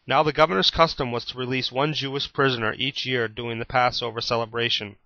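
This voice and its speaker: A man reads scripture aloud with a bright, forward tone. His delivery is steady and plain, like a storyteller. The recording is dry and slightly dull. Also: mid-range voice, quick pace, dry recording. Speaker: Bible reader. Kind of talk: scripted Bible reading.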